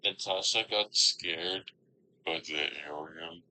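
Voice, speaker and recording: Guy talking thru a voice changer app, super deep and slow, game stream. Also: fairly even intonation, pushed and bright, slight background noise. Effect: phone app voice changer, pitched far down. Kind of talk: casual gameplay commentary.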